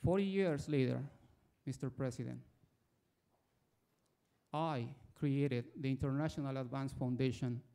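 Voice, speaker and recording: An Ecuadorian audience member in his forties delivers a prepared story about his own life from the floor, leading up to a question. His accent is Ecuadorian Spanish, and his warm, medium-pitched voice moves unhurriedly with long pauses.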